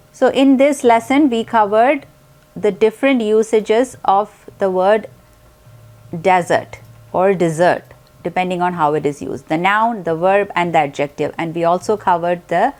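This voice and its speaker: A woman's voice: medium pitch, a little mellow. A woman teaching an English vocabulary lesson, explaining words carefully with example sentences and spelling them out letter by letter.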